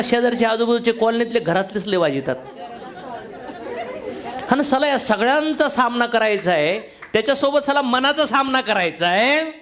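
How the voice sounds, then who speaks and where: A high-voiced male motivational business speaker gives a seminar talk before a live audience. He comes across blunt, slangy and joking, repeats things for emphasis, and fires questions at the audience.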